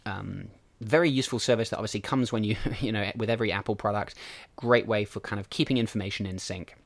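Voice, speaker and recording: Low-voiced man hosting a solo podcast. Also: no echo. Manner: casual, explains step by step with fillers. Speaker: podcast host.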